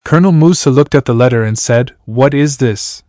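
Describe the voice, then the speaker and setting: This male narrator from Iran reads his novel at a moderate pace, his medium-pitched voice carrying a dark tone over a dry booth recording. The audiobook narration stays flat: every character is read plainly in one voice, with speaker names announced.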